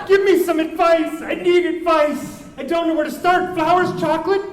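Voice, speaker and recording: Melodramatic, nervous romantic played by a man, very high voice, improv comedy, ringing hall. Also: steady tone, moderate pace. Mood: panicked. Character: dramatic, lovestruck, anxious young man named Carl. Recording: echoey hall.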